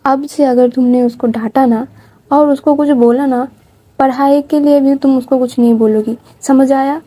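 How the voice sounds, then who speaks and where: A woman's voice: sits high, fairly even intonation, moderate pace, dark tone, dry recording. A woman voicing a protective middle-aged father who speaks firmly and insistently, repeating himself. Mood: stern.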